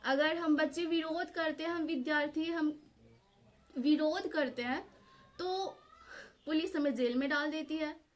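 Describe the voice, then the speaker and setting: A woman's voice: high-pitched, unhurried, long pauses. A woman from Jharkhand, India, talking earnestly to the camera in a casual vlog, pleading with many fillers. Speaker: vlogger.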